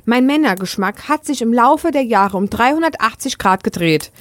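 Actress as a gossipy old fairy-tale woman, bit high, dry close sound. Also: lively intonation, normal speed, dry recording, lightly acted. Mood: chatty. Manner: gossipy, chatty.

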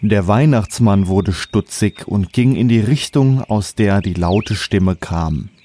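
A man narrating a comic fairy tale in calm scripted storytelling. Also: on the low side, takes it slowly, slight background noise.

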